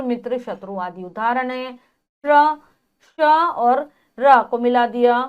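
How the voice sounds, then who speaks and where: A woman teaching a grammar lesson in a clear, fairly high voice. She explains each point step by step. Then she goes over it again, asking the class rhetorical questions. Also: fairly bright tone.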